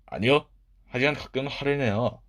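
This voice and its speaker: A man voicing an eager, polite young boy servant in a children's storybook, loud and earnest. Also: mid-range voice, moderate pace, natural voice.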